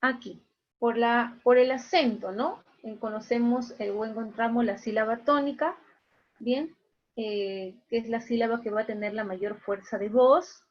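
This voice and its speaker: A woman's voice: on the high side, a little slow. Teacher woman on a muffled video call. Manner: patient, repeats key points with checking tags. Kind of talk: online class lecture.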